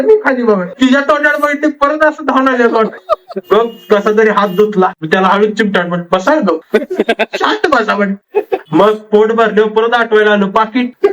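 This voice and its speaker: A man's voice: sits high, fairly bright tone, recorded from a distance, rough recording. A man giving a storytelling speech to an audience, acting out the dialogue of the people in his anecdote. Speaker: public speaker.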